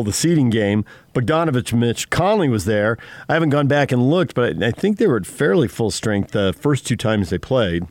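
A man's voice: mid-range voice, dry recording. A man hosting sports radio, talking through games in a conversational commentary style.

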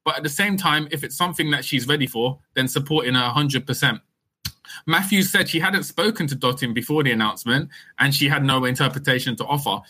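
A man co-hosting a casual cricket podcast, talking in a measured, explanatory way. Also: mid-range voice, bright, forceful tone. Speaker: podcast co-host.

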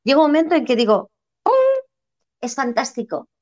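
Spanish woman, reflective spiritual talk guest, higher voice, muffled lo-fi audio. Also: moderate pace. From Spain. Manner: earnest, reflective, repeats phrases for emphasis. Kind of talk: spiritual conversation. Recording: dull lo-fi sound.

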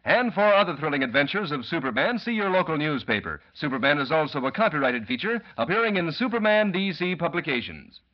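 A man's voice: fairly high pitch, very animated, a little fast, hardly any pauses. A man announcing an old-time radio advertisement with folksy, enthusiastic salesmanship. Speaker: commercial announcer. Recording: dull vintage radio recording.

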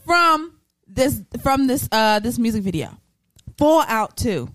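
A woman's voice: fairly high pitch, takes it slowly, no room sound. Woman cohost, casual and chatty, swears a bit, dry close mic. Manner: animated, chatty storyteller with frequent laughs and profanity. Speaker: podcast co-host. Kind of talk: casual chat.

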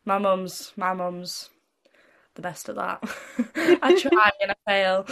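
A woman's voice: medium pitch, lively intonation, very slow. A sixteen-year-old girl from Britain, a young singer answering interview questions in a casual, giggly, rambling way with lots of fillers. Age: teens.

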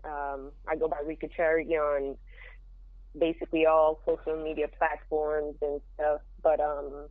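A young Jamaican woman guesting on a podcast talks frankly and plainly about her life in a casual interview. Her voice is low and level, a little slow, and comes through a tinny phone line with no room sound.

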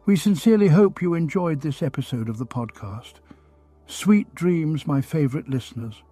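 A man narrating a podcast outro in a theatrical, gently mocking, soothing scripted style. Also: on the high side, expressive, moderate pace, breathy edge, faint music behind.

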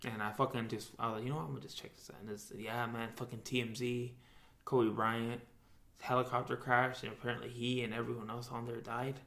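A man's voice: mid-range voice, flat delivery, brisk, fairly bright tone. A man hosting a casual, sweary podcast, his mouth numb from the dentist after a root canal. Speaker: podcast host. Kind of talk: casual podcast chat, profane. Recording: roomy, echoing room sound.

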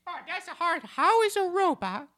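A woman's voice: extremely high pitch, very animated, moderate pace, fairly bright tone, no room sound. A woman, the podcast producer, making dry joking asides in an improvised comedy podcast.

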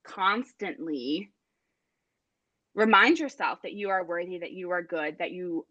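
Bright, lively woman coach. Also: lowish voice, measured pace, dry recording. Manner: animated, acts out voices when telling stories, swears casually. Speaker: confidence coach. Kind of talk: casual interview conversation.

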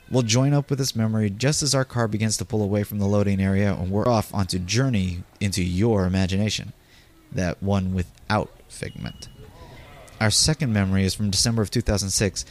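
Low-voiced man hosting a memory podcast. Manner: conversational storytelling, addressing listeners directly. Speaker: podcast host. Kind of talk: scripted podcast narration of personal memories.

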